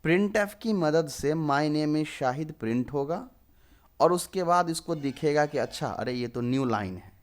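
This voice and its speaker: A man's voice: a little high, lively intonation, a little slow. A young man in his twenties teaching programming, explaining step by step and answering his own questions. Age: 20s. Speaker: programming tutor. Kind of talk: screen-recorded coding lesson.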